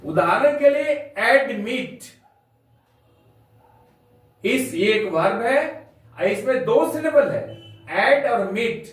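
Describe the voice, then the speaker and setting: Male grammar tutor, high voice, very echoey room, mic far away. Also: lively intonation, slow, long pauses, faint music behind. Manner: spells words out letter by letter; addresses students as dear children. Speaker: English grammar teacher. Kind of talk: classroom lesson.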